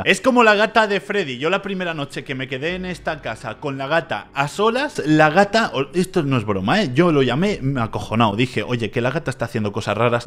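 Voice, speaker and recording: A man with a Spain Spanish accent doing reaction commentary as a video host, excitable and jumpy, swearing a lot. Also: medium pitch.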